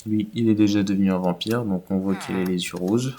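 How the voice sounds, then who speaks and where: A man's voice: sits low, steady tone, fairly quick, dark tone. A man giving casual, rambling commentary over his own video game play, with many fillers. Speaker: gaming YouTuber.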